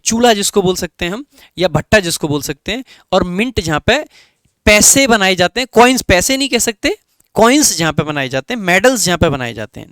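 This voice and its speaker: A man's voice: sits high, fairly bright tone, clean tone, no echo. A man with an Indian English accent teaching an online exam-prep lesson, explaining each answer option step by step.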